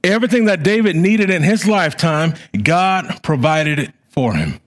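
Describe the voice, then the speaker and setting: A middle-aged man preaching a sermon as pastor, with a fervent, repetitive cadence that swells loud and drops to quiet. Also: fairly high pitch, animated, normal speed.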